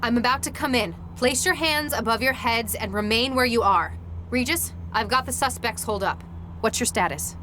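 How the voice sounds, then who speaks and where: A woman's voice: on the high side, moderate pace, pushed and bright, a little hiss or hum. A woman playing a commanding, no-nonsense police agent in a sci-fi video game, speaking in a terse, authoritative way.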